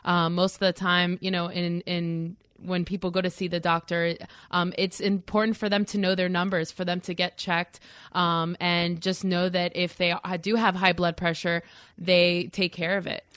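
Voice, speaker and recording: Florida woman guest on a radio show, low-ish smooth voice, dry close sound, earnest. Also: little pitch movement, normal speed, a bit bright, no echo. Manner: earnest, explanatory, some fillers. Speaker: guest from a nonprofit. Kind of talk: radio interview answers.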